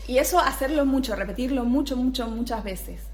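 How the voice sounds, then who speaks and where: Brief: young female flute teacher, fairly high voice, patient and explanatory, frequent check-ins. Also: normal speed, over loud music. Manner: scat-sings rhythms between phrases. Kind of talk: music tutorial.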